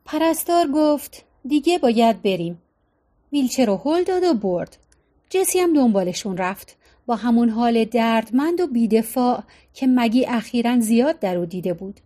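A woman narrating a novel as an audiobook, in a high voice. She tells the story in a steady, even manner.

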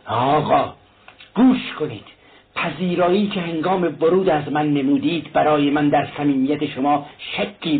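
A man's voice: a little high, lightly acted. A man voicing a pompous, offended middle-aged suitor who speaks in stiff, formal sentences. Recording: tinny lo-fi recording, faint hiss.

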